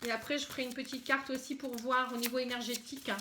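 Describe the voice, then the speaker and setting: A woman giving a casual tarot reading to camera, halting, with many fillers and a frequent "hein". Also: fairly high pitch, little pitch movement, background noise. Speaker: tarot card reader.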